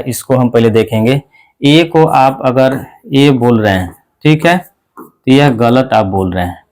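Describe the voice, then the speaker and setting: A man's voice: mid-range voice, darkish tone. A man teaching a lesson, explaining letter by letter and asking rhetorical questions. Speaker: English teacher. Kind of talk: classroom-style spoken lesson.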